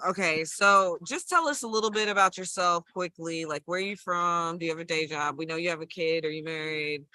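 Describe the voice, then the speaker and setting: Lady podcast host, bright sharp voice, dry close sound, keeps it moving. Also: on the low side, no echo. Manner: brisk, keeps things moving. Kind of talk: casual interview.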